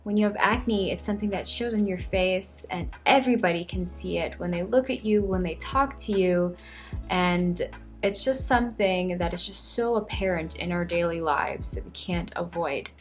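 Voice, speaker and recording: A woman's voice: on the low side, moderate pace, soft background music. A woman in her twenties talking earnestly and reflectively in a personal vlog monologue. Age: 20s. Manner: earnest, soft-spoken, reflective. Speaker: vlogger.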